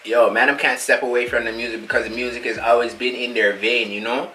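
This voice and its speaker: A man's voice: mid-range voice, flat delivery, fast, sharp tone, slight background noise, natural voice, poor audio. A young man, playing a cocky street rapper who rambles in thick slang and caps every thought with a filler tag. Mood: indignant. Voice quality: slang-heavy rambling with endless filler tags. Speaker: musician being interviewed. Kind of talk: comedy sketch.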